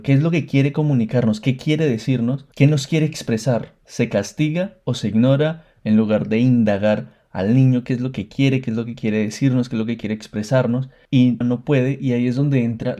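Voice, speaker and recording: A man co-hosting a parenting podcast, explaining in a measured way and repeating phrases for emphasis. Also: mid-range voice, warm tone. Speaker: podcast co-host.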